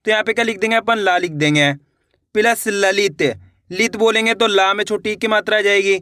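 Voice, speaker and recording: A man teaching a step-by-step spelling lesson, repeating each word slowly and asking and answering his own questions. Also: high voice, fairly even intonation, pushed and bright, no echo, clean studio sound. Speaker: Hindi reading teacher.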